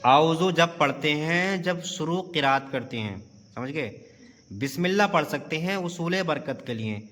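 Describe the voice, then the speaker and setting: A man with a bright, slightly raised voice explains each step of prayer to a young pupil and keeps stopping to ask questions. He is patient and methodical, like a teacher checking that each child has understood. His voice rings out in a room with a long, trailing echo. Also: on the high side, lively intonation. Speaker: madrasa teacher. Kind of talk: teaching children how to pray. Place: madrasa room. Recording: long reverb.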